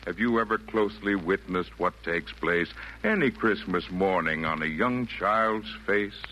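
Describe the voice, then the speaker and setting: An actor playing a wise, jolly yet firm old Santa, speaking eloquent rhymed verse in a theatrical 1940s radio style. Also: male voice, low voice, a little slow, sharp tone. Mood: tender, lyrical. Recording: noisy vintage 1940s radio broadcast.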